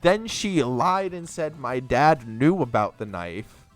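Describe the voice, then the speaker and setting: A man's voice: medium pitch, very animated, slow pace, soft background music. A young man streaming a game, chatting casually and rambling through a story while swearing freely. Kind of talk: casual chat while gaming.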